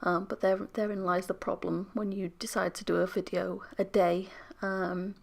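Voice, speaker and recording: A British woman, unwell and losing her voice, narrating a crafting video voiceover very close to the microphone in a soft, half-whispered, apologetic ramble. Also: medium pitch, little pitch movement, normal speed, gravelly. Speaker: scrapbooking channel host.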